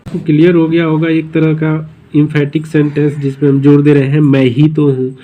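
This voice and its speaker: A man's voice: fairly high pitch, monotone, fairly quick, dark tone, slight background noise, poor audio. A male teacher explaining grammar, who asks his listeners questions and answers them himself.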